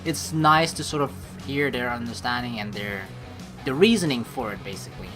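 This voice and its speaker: In a rumbling low voice at normal speed, a woman hosts a let's play, rambling informally and animatedly with mild swearing while casually reading the game's text aloud. Faint game music plays behind her voice.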